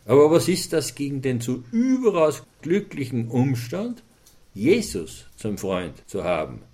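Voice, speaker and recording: A man's voice: mid-range voice, big pitch swings, a little slow, warm tone. A male preacher delivering a sermon in a mid-range voice. He speaks with fervor and lifts his voice to stress the scripture he quotes. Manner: fervent, rising for emphasis on scripture quotes.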